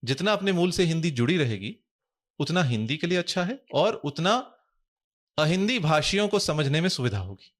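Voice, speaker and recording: Measured man explaining in formal Hindi. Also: a little high, very animated. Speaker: guest scholar. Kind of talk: podcast interview.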